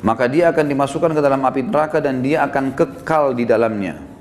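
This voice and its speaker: Male preacher, mid-pitched, patient explainer, slow Arabic chanting, long hall reverb with faint background hiss. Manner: explains patiently, chants Arabic verses slowly, asks the audience checking questions. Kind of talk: sermon.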